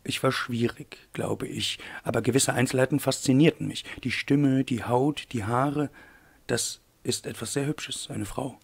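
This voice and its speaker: Male reader's confessing young man: low, hesitant, raspy grain. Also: a little slow. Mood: reflective. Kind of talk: audiobook reading.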